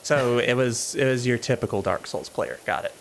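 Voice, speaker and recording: Laid-back gravelly-voiced male streamer. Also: mid-range voice, lively intonation, moderate pace, slight background noise. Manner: laid-back, wry, thinks aloud while playing. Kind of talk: casual gameplay chat.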